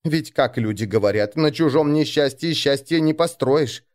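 A man's voice: fairly high pitch, normal speed, darkish tone, natural voice. A man voicing a frightened peasant mother who pleads and wails. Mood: pleading. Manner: wailing, pleading. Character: frightened, weeping middle-aged peasant mother.

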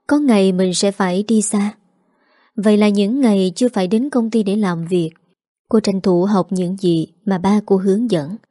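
A woman narrating a story in a calm, even reading voice. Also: mid-range voice, dry recording, studio quality.

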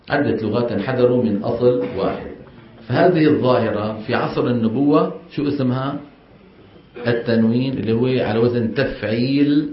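Levantine man quizzing a class. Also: medium pitch. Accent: Levantine Arabic. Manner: questions the class often and drills them to repeat. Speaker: Quran recitation teacher. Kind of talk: classroom lecture. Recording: echoey, dull lo-fi classroom recording.

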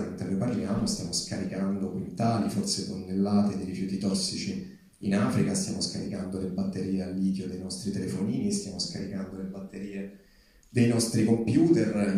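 This man's voice is low and mellow as he reads and speaks to a live audience. The talk blends public reading with fervent activism, and the recording is distant and echoey, made in a hall.

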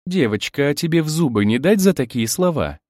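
A man's voice: on the high side, expressive, brisk, darkish tone, dry recording, clean studio sound, pitched above the performer's own voice, natural voice. A man voicing a blunt, combative young woman with a soldier's past who scorns and threatens a rival. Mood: scornful, combative.

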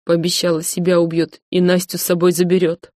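A frightened, tearful young woman, read by a woman in an audiobook, her voice pleading and strained. The recording is dry and close, with a lowish voice. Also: completely flat delivery, fairly quick, darkish tone, no echo, natural voice. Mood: distraught.

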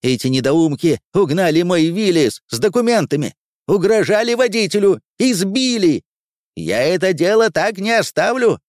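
Man doing a shrill blustering army colonel. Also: big pitch swings, moderate pace, darkish tone, no room sound, clean studio sound. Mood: indignant. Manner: shrill, indignant, threatening.

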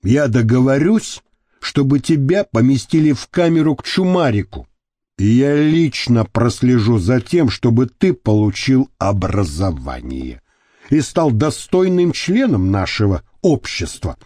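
A man voicing a gruff older male prison boss who speaks slowly and lectures. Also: mid-range voice, big pitch swings, warm tone, no room sound, clean studio sound. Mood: decisive. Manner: slow, weighty, lecturing.

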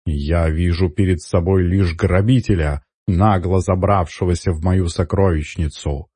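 A haughty shapeshifter guarding a hoard of treasure, as a male narrator puts him on, drawing out each word with cold contempt. The voice is very low, dark and husky. Nothing in the recording adds room sound. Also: fairly even intonation, no echo. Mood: scornful. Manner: contemptuous, menacing, slow and low.

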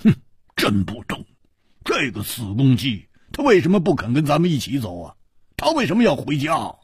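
A man's voice: mid-range voice, wildly swooping pitch, moderate pace, vocal fry, breathy edge, no room sound, studio quality, heavily acted. A man voicing a boisterous, hard-drinking male swordsman who grunts and sighs as he talks. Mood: hearty, boisterous. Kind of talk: storytelling dialogue.

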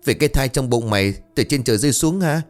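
A man's voice: mid-range voice, expressive, quick pace, faint music behind, pitched above the performer's own voice, close to an everyday voice. A man voicing a harsh middle-aged village stepmother who shrieks insults and wails. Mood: scolding.

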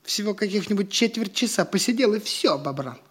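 A husky male voice, pitched high and a little fast, belongs to an actor in an audio drama playing a boastful, whining, broke young dandy. Hungry and grumbling, he's theatrical and excitable, alternately wheedling and petulant.

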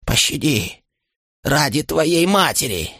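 A cowardly traitor pleads and wheedles in a nervous, pitch-swinging voice, put on by a man narrating. The storybook reading sounds close and dry. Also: huge pitch swings, normal speed, fairly bright tone, slightly rough, dry recording, exaggerated voice. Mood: pleading.

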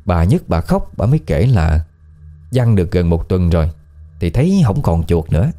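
A man with a low, very dark and mellow voice and a Southern Vietnamese accent tells a spooky tale in a colloquial, chatty way. His pitch rises and falls with plenty of life, and soft music plays faintly behind him. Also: normal speed. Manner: conversational, colloquial, lively storytelling. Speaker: storyteller. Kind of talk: casual spoken ghost story narration.

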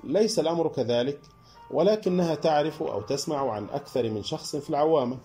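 A man's voice: on the high side, expressive, quick pace, mellow, soft background music, pitched above the performer's own voice. A man voicing an earnest middle-aged man who eagerly reassures his friends in an audiobook reading. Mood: eager, reassuring.

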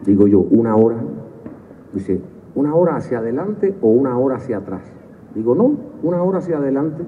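A man's voice: medium pitch, big pitch swings, fairly quick, phone-quality sound, slight background noise. A man from Cuba with a Cuban accent, telling funny anecdotes on stage between songs and chuckling at his own punchlines. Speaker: singer telling stories on stage. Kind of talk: humorous live storytelling between songs. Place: concert stage at a festival. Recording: distant, hall-echoed, phone-thin live recording.

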